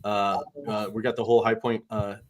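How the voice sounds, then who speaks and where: A man's voice: fairly low pitch, little pitch movement, brisk, a little hiss or hum. A man hosting a podcast in casual chat, upbeat, laughing often and using many fillers. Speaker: podcast host.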